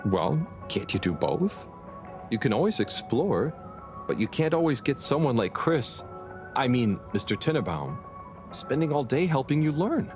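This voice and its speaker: A man voicing a gentle, naive and kindly video game character who talks in a mild, hesitant, earnest way. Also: medium pitch, very animated, a little slow. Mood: gently concerned. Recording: music behind the voice. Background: clear music.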